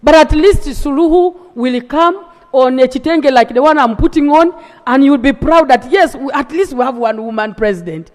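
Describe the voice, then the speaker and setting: A woman's voice: high-pitched, lively intonation, moderate pace, darkish tone. A woman from eastern Uganda with a Ugandan accent, giving an impassioned, emphatic speech as a legislator in a parliamentary debate. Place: large assembly chamber. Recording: long reverb of a large chamber.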